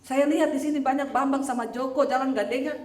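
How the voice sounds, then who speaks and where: A woman preaching a sermon with personal testimony, animated and joking with the congregation. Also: high-pitched, fast. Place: church hall in Sydney. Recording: echoey hall.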